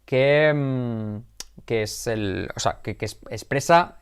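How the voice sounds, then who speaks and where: A man's voice: medium pitch, slow, clear, resonant tone. Chatty male English teacher. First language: Spanish. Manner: chatty, explains with jokes and asides. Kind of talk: live online class.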